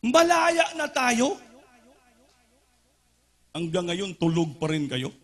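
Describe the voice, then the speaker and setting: High, bright fervent male preacher. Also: very animated, takes it slowly. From Philippines. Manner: fervent call-and-response with the congregation; bursts into shouts at peaks. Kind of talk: sermon mixing Tagalog and English. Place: church service at an overnight prayer meeting.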